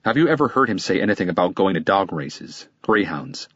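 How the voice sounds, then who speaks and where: A man reading a calm, probing detective. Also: low voice, fairly quick, breathy edge, no echo, highs cut off, exaggerated voice. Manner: steady, persistent questioning.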